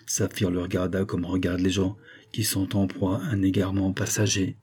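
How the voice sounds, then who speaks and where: A male audiobook narrator reading a classic novel in a measured, even way. His voice is low, dark and mellow, with a husky edge.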